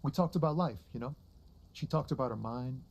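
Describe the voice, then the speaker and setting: An actor playing a weary, tender truck driver in a video game, speaking in a reflective, sincere and halting way. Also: male voice, mid-range voice, darkish tone, lightly acted. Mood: protective, sad. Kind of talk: dramatic video game dialogue.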